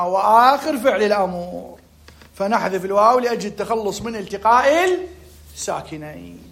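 A man with an Iraqi Arabic accent teaching Arabic grammar in a conversational lesson, explaining through rhetorical questions and asides. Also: high-pitched.

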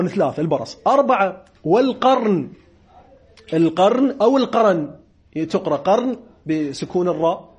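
A man with an Iraqi Arabic accent giving a seminary lecture on religious law, repeating definitions slowly and joking with his students. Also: sits high, darkish tone.

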